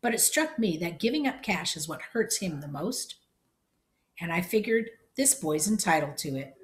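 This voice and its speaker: A woman voicing a burly, angry shopkeeper who shouts and blusters. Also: on the low side, sing-song, normal speed. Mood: firm.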